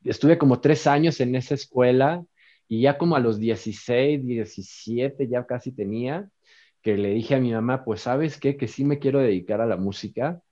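With a warm, mid-range voice at a normal speed, a Mexico City man in his forties speaks with the local Spanish accent. He's a musician being interviewed from his home studio indoors, telling his story easygoingly with many fillers and tag questions, captured on dull lo-fi video-call audio.

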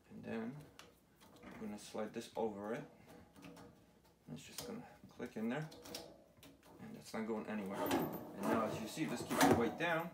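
A man in his thirties hosting a DIY how-to explains every step of a home setup casually, in plain, matter-of-fact fragments. He has a mid-range voice. It's recorded on a camera mic in a garage workshop, with background noise.

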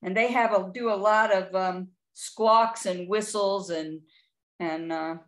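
A woman's voice: mid-range voice, slow pace, a bit bright. A middle-aged woman, giving a chatty, informal talk on identifying birds, with frequent restarts. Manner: chatty, with frequent restarts and playful bird imitations. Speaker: birding presenter.

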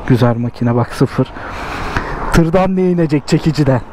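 A man chatting casually as a vlog host, exclaiming with excitement as he comments outdoors. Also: fairly high pitch, normal speed. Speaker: motovlogger, host. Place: outdoors on a city street outside a motorcycle shop. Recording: outdoor street sound with people around. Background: people chatting, street traffic.

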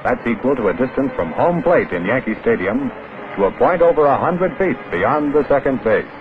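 A man's voice: medium pitch, animated, moderate pace. A man narrating a 1940s newsreel in a dramatic, emphatic announcer style, heard as an old film recording. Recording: tinny lo-fi old film sound with music.

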